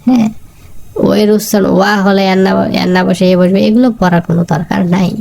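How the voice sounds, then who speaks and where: A woman's voice: mid-range voice, steady tone, fast talker, a little mellow, slight background noise. A woman teaching a grammar lesson, who repeats the key sounds and keeps asking her students questions.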